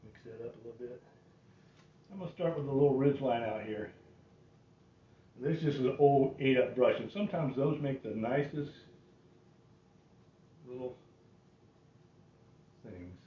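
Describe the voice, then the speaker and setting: A folksy man in his sixties gives a casual painting tutorial, muttering to himself and making fun of himself as he works. His mid-range voice is unhurried with frequent pauses, picked up far from the mic in a small curtained indoor painting space, so the sound is roomy and dull with faint noise.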